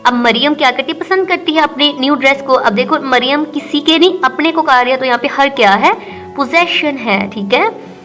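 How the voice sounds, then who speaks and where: A woman teacher with a Pakistani Urdu accent goes through a textbook exercise, her voice pitched high. She poses questions and answers them herself, and she slows right down whenever she reads an English line. Faint music plays underneath. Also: a bit bright. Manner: reads English lines slowly and deliberately. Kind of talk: textbook lesson walkthrough.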